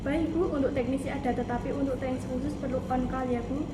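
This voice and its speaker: A woman's voice: sits high, fairly even intonation, quick pace, lightly acted. A woman playing a polite, helpful hotel receptionist in a scripted phone role-play, with a formal customer service manner. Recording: echoey, loud vehicle and ambient noise.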